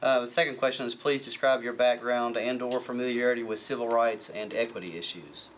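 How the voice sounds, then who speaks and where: A man's voice: medium pitch, fairly even intonation, brisk, fairly bright tone, poor audio. A man on a council committee courteously reading out interview questions.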